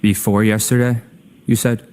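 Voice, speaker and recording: A man's voice: fairly low pitch, normal speed. A man testifying as a witness in court, giving terse, clipped answers. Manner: terse, flat one-word answers. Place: indoor courtroom. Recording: courtroom feed with faint noise.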